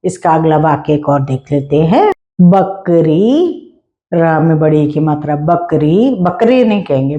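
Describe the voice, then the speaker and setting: A woman's voice: low voice, warm tone. A woman teaching a Hindi lesson, stretching out words syllable by syllable as she spells them. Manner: slow, drawn-out syllable-by-syllable spelling. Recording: dull lo-fi recording.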